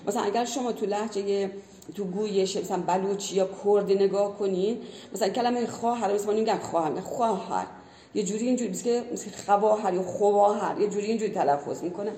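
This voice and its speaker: A woman's voice: mid-range voice, dark tone. A woman who teaches language, explaining earnestly in conversation and giving many spoken examples. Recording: roomy echo.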